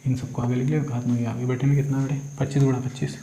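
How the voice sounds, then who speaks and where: A man walks students through physics sums in a mellow, coaxing voice, posing each question and answering it himself. His voice rings in an echoey room, with faint insects chirping behind. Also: mid-range voice, flat delivery, very fast, a little hiss or hum. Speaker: physics teacher. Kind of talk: working numericals step by step.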